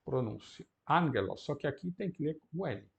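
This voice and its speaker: A man teaching an introductory Greek class, explaining pronunciation slowly and deliberately and often adding tag questions. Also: fairly high pitch, lively intonation, gravelly, warm tone, husky. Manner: slow and deliberate, frequent "não é?" tag questions. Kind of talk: university lecture.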